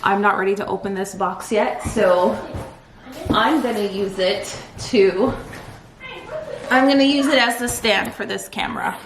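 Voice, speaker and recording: A woman's voice: mid-range voice, measured pace. A woman in her thirties chatting casually and upbeat to camera at home, rambling through asides. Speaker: vlogger. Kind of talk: casual vlog chat. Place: home kitchen. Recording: echoey home room with faint noise.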